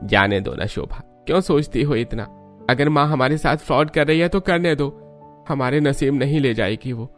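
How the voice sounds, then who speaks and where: A man voicing a poor, resigned cartoon husband who talks calmly and consolingly. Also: mid-range voice, normal speed, faint music behind, lightly acted. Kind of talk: cartoon voice acting.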